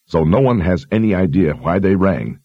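A man voicing a stern but kind lord who speaks in a quiet, grave, measured way. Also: deep voice, lively intonation, dry recording, lo-fi sound.

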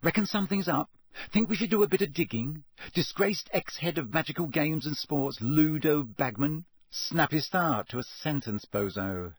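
A man's voice: on the high side, lively intonation, normal speed, breathy edge, dry recording, pitched above the performer's own voice. Rita Skeeter is a man playing a scheming, gossipy woman reporter, gloating and condescending. Her voice swings between sugary and cold. It is a dry, close audiobook read.

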